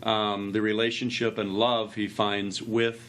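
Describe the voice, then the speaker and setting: A man's voice: on the low side, flat delivery, measured pace, a bit bright. A man speaking as a musician guest in a casual radio interview, with brief, slightly hesitant answers.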